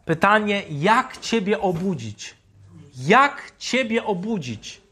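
A man preaching a sermon, speaking deliberately and asking his listeners rhetorical questions. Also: sits high, sing-song, sharp tone, breathy edge.

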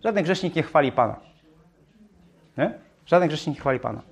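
A man's voice: fairly high pitch, lively intonation, a little fast, creaky, husky. A man preaching a sermon, reading Bible verses aloud and explaining them, often asking his listeners questions and repeating phrases.

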